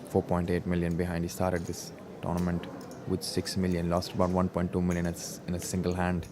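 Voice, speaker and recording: A man commentates live poker in a very low, fairly flat voice. He explains the play in a measured way, over clearly audible background noise. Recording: noisy live-event ambience.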